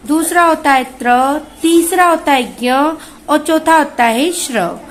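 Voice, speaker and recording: A woman teaching a kindergarten reading lesson, slowly sounding out letters and having the children repeat after her. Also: high-pitched, rough recording. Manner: slow, drawn-out call-and-repeat drilling. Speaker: school teacher.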